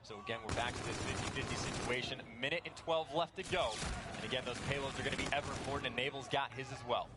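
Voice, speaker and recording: A man giving measured, analytical esports color commentary. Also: medium pitch, fairly even intonation, very noisy.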